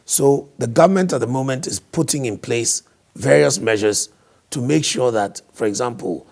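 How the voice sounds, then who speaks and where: A hoarse man whose voice is partly lost, giving emphatic, explanatory interview answers as a diplomat, often posing rhetorical questions. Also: medium pitch, normal speed, a little mellow.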